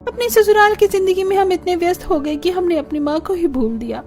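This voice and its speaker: Young married daughters in a cartoon talk in high, emotional voices, all done by one woman. Their delivery is pleading and earnest. Soft music hums faintly behind them. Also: normal speed, natural voice. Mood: tearful. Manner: pleading, tearful and heated by turns. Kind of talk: animated story dialogue.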